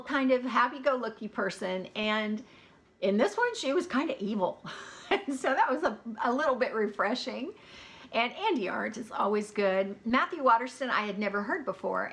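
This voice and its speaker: An American woman chatting about audiobooks in a relaxed, candid way. She talks plainly, with easy asides, at a middling pitch. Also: gravelly. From United States. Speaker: audiobook reviewer. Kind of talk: casual chat.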